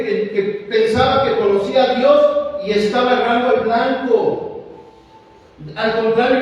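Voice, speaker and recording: A man's voice: very high-pitched, darkish tone, dull audio. A man preaching a sermon in a church, fervent and repetitive, often calling out to "my brother". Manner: fervent, repeats phrases, keeps calling out "my brother". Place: church hall. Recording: echoey hall from far off.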